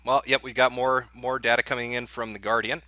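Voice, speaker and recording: A man's voice: medium pitch, little pitch movement, a little fast, sharp tone, dry recording. A man hosting a livestream as an off-the-cuff election night analyst, thinking aloud as he reads out results in casual live commentary. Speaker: livestream host.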